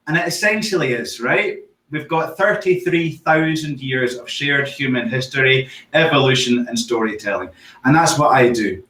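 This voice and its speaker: A middle-aged man with a Scottish accent, giving a lively online conference talk on storytelling and quizzing his audience. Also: a little high. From Scotland. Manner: lively, engages audience with quick questions. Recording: echoey, distant from the mic.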